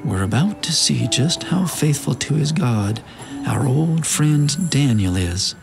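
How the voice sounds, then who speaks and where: An actor playing a sly, flattering royal official in a theatrical Bible drama. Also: male voice, medium pitch, slow, gravelly, over music. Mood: sly, gloating.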